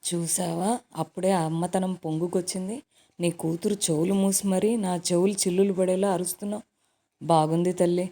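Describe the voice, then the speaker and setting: An affectionate middle-aged mother who fusses over and teases her grown daughter, voiced by a woman narrator. Her voice sits low and mellow. She speaks warmly and lightly, close to a read-aloud tone. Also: steady tone, a little fast. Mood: fussing. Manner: affectionate, teasing.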